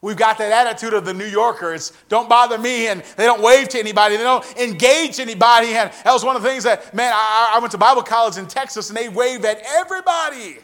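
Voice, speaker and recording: Animated high-voiced Midwestern preacher. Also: male voice, fast talker, few pauses. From American Midwest. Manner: animated swings from loud storytelling to hushed near-whisper; repeats and restarts words when excited. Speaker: traveling preacher. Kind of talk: sermon with storytelling.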